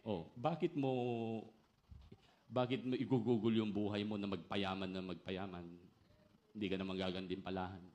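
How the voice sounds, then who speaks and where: A middle-aged man preaching a sermon loudly and energetically, often calling out "Amen?" to the congregation. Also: on the low side, normal speed. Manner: loud, energetic preaching with call-and-response "Amen?".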